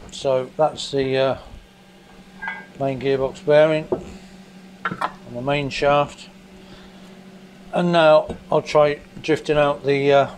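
A medium-pitched English motorcycle mechanic walks through dismantling an engine step by step in his basement workshop for a hands-on demonstration he presents. His style is plain and methodical, with small fillers as he thinks out loud. The camera mic sits above the bench with just his hands in view, picking up a faint extractor fan hum.

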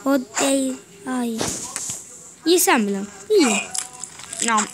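Excitable high-voiced young gamer girl. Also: unhurried, noisy background. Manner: excitable, swearing, frustrated muttering. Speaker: gaming channel host. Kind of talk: casual gameplay commentary. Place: bedroom at home.

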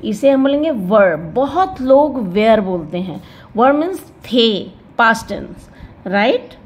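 A woman teaching a pronunciation lesson, slowly drawing out example words and checking in with the viewer. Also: a little high, very animated, breathy edge. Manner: slow and careful, drawing out example words, asks the viewer "right?". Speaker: English teacher.

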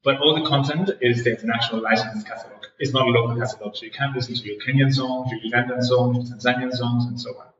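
A man's voice: mid-range voice, fairly even intonation, fast talker, hardly any pauses, a bit bright. A man from Denmark in his thirties, a startup founder answering interview questions in an office, hesitant with many fillers and restarts. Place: co-working space office. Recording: echoey room, distant and dull.

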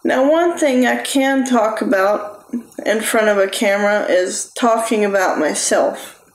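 A young woman giving a personal testimony sermon straight to camera, talking slowly and haltingly with restarts. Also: fairly high pitch. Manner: slow, halting delivery with restarts. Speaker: preacher. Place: small room indoors. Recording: echoey room.

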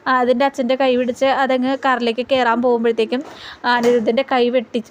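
A woman rattling through a recap of a television serial, scene by scene. She speaks very fast in a fairly high voice. She keeps the story chatty, tagging lines with a friendly aside. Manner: rapid storytelling, tags lines with a chatty 'you know'. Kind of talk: retelling a television serial episode.

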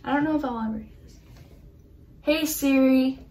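A woman narrates an unboxing vlog as she opens and sets up a new laptop, filmed indoors by a tripod-mounted camera. Her high voice is rapid-fire, excitable and gasping, frequently slipping into whispered asides.

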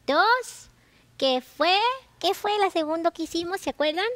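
A woman's voice: very high-pitched, unhurried, fairly bright tone, dry recording. A woman playing a playful, whiny little girl on a children's religious show, exclamatory and repetitive. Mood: childlike, studious. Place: TV studio armchair set.

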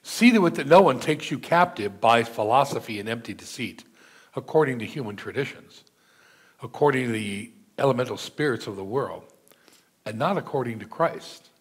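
An older man, a pastor, preaching a measured sermon from a church pulpit and reading scripture aloud. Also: mid-range voice, animated, slightly rough. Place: church sanctuary. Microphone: pulpit mic, seen from far camera.

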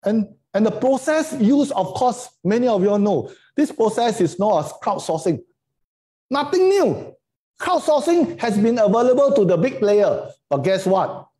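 Speaking indoors on a video call, this middle-aged Singaporean man has a high, mellow voice. His informal online lecture is in colloquial Singlish, forceful and loaded with rhetorical questions and tag words.

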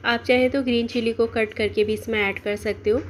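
A woman hosting a cooking channel, giving a steady step-by-step voice-over of a recipe and explaining each option as she goes. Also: a little high, brisk, a little hiss or hum.

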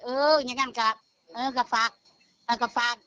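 Blunt high-voiced older woman. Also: level tone, moderate pace, sharp tone, low-quality recording. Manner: blunt, swears freely, repeats herself. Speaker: grandmother telling of a phone scam. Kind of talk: casual phone-style chat.

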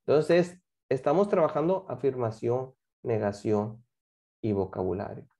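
A woman's voice: very deep voice, measured pace, dark tone. A woman, teaching English and explaining homework to a class, patient and often checking that students follow. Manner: patient, checks understanding with frequent questions.

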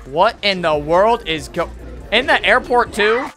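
A high-voiced man in his 20s hosts a reaction video from a small home studio, talking close to a boom-arm mic. His commentary is casual, slangy, full of exclamations and disbelief, delivered expressively and a little slowly over background music.

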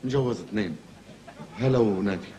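A man's voice: on the low side, a little fast, close to an everyday voice. A Lebanese man acting a comic, rambling patient who suddenly finds himself married to two wives. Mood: complaining. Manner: rambling, exaggerated, comically flustered. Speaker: patient in a comedy series. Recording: loud background noise.

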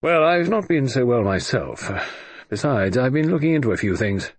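A man reading an audiobook, voicing a gruff, blustering old retired admiral who speaks in brusque, clipped grumbles. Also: mid-range voice, big pitch swings, normal speed, no echo, pitched above the performer's own voice.

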